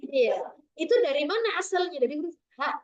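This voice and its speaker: A woman teaching Quran recitation, slowly drawing out the letter sounds in drills. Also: sits high, expressive. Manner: slow, drawn-out demonstrations of letter sounds. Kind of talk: tajwid lesson with drills. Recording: echoey, dull lo-fi room recording.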